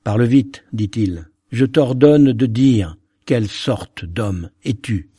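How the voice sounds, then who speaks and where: A man's voice: mid-range voice, slow, warm tone, breathy edge, no echo, studio quality. A man voicing an old holy hermit, urgent and commanding.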